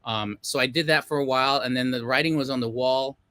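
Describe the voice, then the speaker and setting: A fast-talking middle-aged film director from Los Angeles, United States, appears as a guest over a video call in a casual interview. His medium-pitched voice is steady and sharp, captured in a dry recording. He rambles, leaning on many fillers and laughing at himself.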